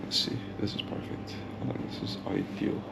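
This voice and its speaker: Strolling around town at a normal pace, a young travel vlogger talks casually and thinks aloud, filling gaps with plenty of ums. The action camera mic catches his walk through the streets and a bakery, with street traffic and town ambience making the recording noisy.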